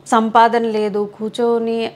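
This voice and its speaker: A middle-aged woman with a Vizag Telugu accent talks candidly as an interview guest. Her voice sits fairly high. She speaks emphatically and with feeling. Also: unhurried. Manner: emphatic, animated, quotes others in lively voices. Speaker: interview guest, mother of a contestant.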